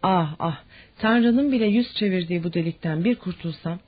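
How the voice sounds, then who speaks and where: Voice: mid-range voice, moderate pace, natural voice. A reader voicing a nervous, homesick young male army lieutenant who talks in a strained, emotional way. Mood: anxious. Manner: strained and emotional, rising to angry shouts. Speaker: fictional character. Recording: dull lo-fi audiobook recording.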